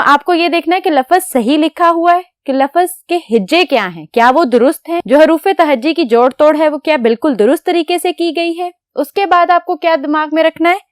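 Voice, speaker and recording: A woman teacher giving a lesson to young students, explaining patiently step by step and asking questions that she answers herself, then dictating words slowly as she writes. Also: high-pitched, lively intonation, no room sound, studio quality. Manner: dictates slowly while writing. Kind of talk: classroom lecture to children.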